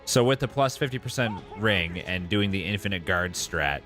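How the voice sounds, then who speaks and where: A man doing casual live game commentary, thinking out loud and answering viewers as he plays. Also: deep voice, expressive, normal speed. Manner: reads and answers viewers' messages aloud. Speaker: game streamer. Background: game music.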